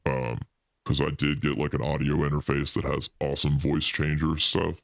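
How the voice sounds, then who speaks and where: A man talking casually through a voice changer set to its deep monster preset. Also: flat delivery, normal speed, creaky, dry recording, clean studio sound. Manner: casual, rambling.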